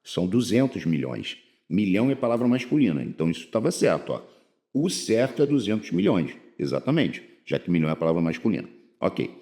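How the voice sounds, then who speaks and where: A Brazilian man teaching Portuguese grammar for exam prep in a casual way, reading quiz items slowly and then explaining them in colloquial speech. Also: lowish voice, sing-song, mellow.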